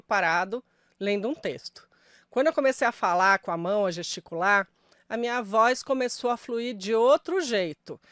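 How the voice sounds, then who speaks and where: A middle-aged woman with a Brazilian Portuguese accent speaks straight to the viewer, a journalist sharing voice-over tips in an emphatic, friendly way. Her voice sits at an ordinary mid pitch. The recording is dry and close, with no room around it. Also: a bit bright, dry recording. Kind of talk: direct-to-camera voice tips.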